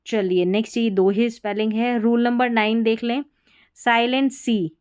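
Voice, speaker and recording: Woman teacher going over english spelling rules in hindi, smooth clear voice, patient, says each word slowly twice. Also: fairly high pitch, steady tone, darkish tone. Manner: patient, repeats words slowly to model pronunciation.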